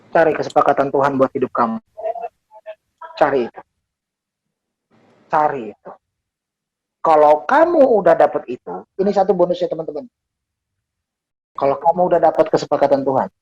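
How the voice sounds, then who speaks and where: A preacher giving a casual youth sermon, switching between slang and English phrases and stressing words with sudden jumps in pitch. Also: a little mellow, breathy edge. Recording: dull lo-fi recording.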